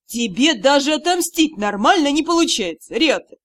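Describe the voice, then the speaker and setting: A woman's voice: high-pitched, expressive, normal speed, dry recording. A woman voicing a sneering male mage. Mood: coaxing. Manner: sarcastic, drawling. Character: mocking aristocratic male mage, sarcastic, teasing.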